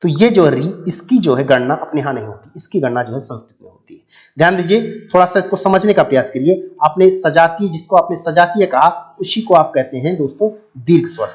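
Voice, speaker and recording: Male grammar teacher, slightly high voice, patient repetitive explainer, sounds out vowels. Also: animated, a little fast. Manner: explanatory, addresses viewers as friends, repeats and drills sounds. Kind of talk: exam-prep lesson.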